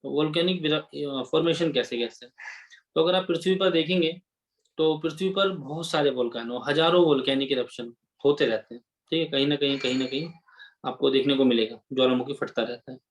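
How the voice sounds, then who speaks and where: This is a male teacher with a slightly higher voice than most men, giving an exam-prep geography lecture. He explains off the cuff, mixing in English terms, stumbling and restarting now and then. He keeps checking in with his students as he goes. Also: a little fast. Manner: unscripted explaining with fillers and restarts, Hindi mixed with English terms; repeats "ठीक है" to check in with students.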